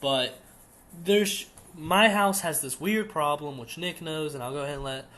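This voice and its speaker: A young man chatting on a casual podcast, laying out opinions in long, rambling run-on sentences. His voice sits a little higher than most men's. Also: moderate pace, pushed and bright. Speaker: podcast co-host.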